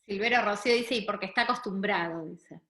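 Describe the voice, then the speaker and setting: A woman's voice: mid-range voice, fast, bright, forceful tone. A woman co-teaching a class, reading out students' comments and chatting. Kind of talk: class discussion. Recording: echoey room, faint noise.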